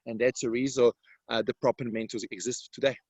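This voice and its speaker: This Serbian man talks fast in a steady, medium-pitched voice that is a little mellow and husky. Playing a confident property mentor, he answers interview questions in accented, grammatically broken English like a sales coach. No echo is heard.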